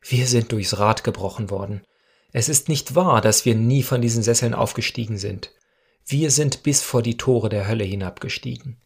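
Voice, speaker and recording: A husky-voiced man defends his companions with grave, declamatory passion, voiced by a man reading a storybook aloud. He speaks in an even, middle register. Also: mid-range voice. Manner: solemn, declamatory.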